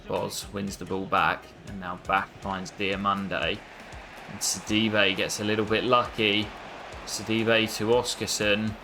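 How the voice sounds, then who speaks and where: A man's voice: fairly low pitch, background noise. A man giving commentary over his own football video game career, breaking into exasperated outbursts when things go wrong. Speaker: gaming YouTuber. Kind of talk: gameplay commentary.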